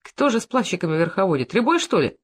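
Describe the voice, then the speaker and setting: Brief: narrator as a blunt, sleepy village policeman, short plain lines, lively intonation, audiobook. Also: medium pitch, fast, breathy edge. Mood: gruff. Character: rural police officer man, gruff and unhurried. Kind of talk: audiobook reading.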